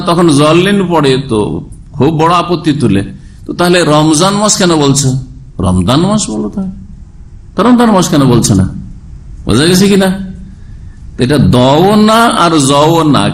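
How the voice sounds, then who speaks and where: A man preaching a sermon lecture, explaining step by step and asking his listeners rhetorical questions. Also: fairly high pitch. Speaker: Islamic preacher.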